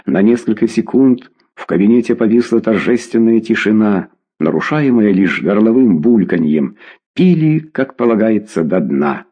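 Low, husky male audiobook narrator. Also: lively intonation, normal speed, warm tone, lo-fi sound.

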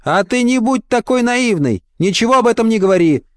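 A man's voice: extremely high pitch, expressive, fairly quick, dry recording, clean studio sound, voice pushed up. A man voicing a kindly, fussy old watchman who chatters and exclaims.

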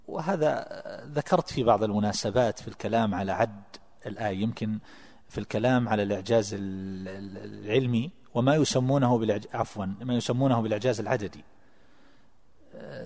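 A man with a lowish voice teaches a classical text in a religious lesson, reading a passage and then unpacking it step by step. His words ring out into a large hall with a long tail of reverb. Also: a little mellow. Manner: measured explanatory lecturing, reading quotes then commenting. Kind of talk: religious lesson explaining a treatise. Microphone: amplified lecture microphone.

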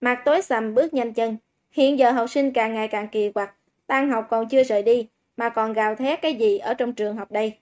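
High-voiced woman narrating a novel. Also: fairly even intonation, a little fast, darkish tone. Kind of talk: audiobook narration. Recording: dull lo-fi recording.

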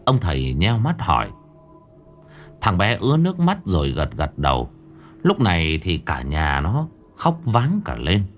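A man narrating a ghost story in a dramatic, expressive way. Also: sits low, measured pace. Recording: faint background music under narration.

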